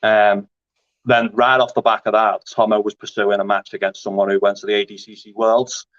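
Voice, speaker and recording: A man's voice: lowish voice, flat delivery, moderate pace, fairly bright tone, no room sound. Rambling man in his thirties. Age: 30s. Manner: rambling, full of fillers and restarts. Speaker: grappling competitor. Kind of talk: casual interview chat. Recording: dry, dull lo-fi audio.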